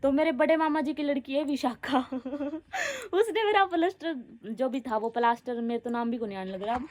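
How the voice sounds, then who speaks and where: High-voiced chatty young woman. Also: very animated, moderate pace. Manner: chatty, giggly, keeps addressing viewers. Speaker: vlogger. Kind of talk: casual storytelling to viewers.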